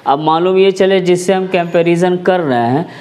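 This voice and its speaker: A man's voice: high-pitched, normal speed, a little mellow. A man teaching a math class, explaining patiently and often asking whether the students follow. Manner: explanatory, checks understanding with repeated questions.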